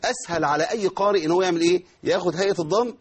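A man with an Egyptian Arabic accent teaching Quran recitation to a group of students. He quizzes them by name and slowly demonstrates each verse. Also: high voice, husky. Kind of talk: tajweed lesson with students.

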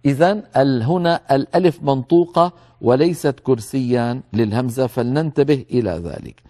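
A Quran recitation teacher with a mid-range voice leads a tajweed lesson. He calmly explains the rules and repeats words slowly to demonstrate them.

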